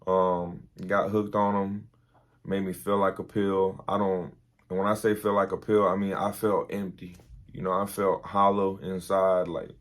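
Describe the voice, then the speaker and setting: Brief: young army veteran vlogger, low-pitched, tired and rambling. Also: male voice, fairly bright tone. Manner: laid-back, rambling with many fillers. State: tired, early morning. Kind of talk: casual storytelling.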